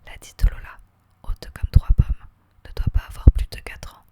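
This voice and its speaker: A person speaking in a soft, hushed library-style whisper with no voicing, reading aloud as an ASMR creator. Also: normal speed. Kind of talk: whispered ASMR reading of their own novel, with casual asides.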